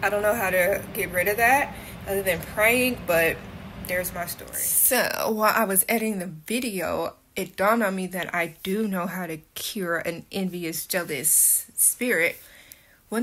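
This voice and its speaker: Holding her phone camera close, a young vlogger with a speech impediment tells a story from her kitchen and living room at home. Her medium-pitched voice has a fairly bright tone, and she's blunt and candid, cursing casually.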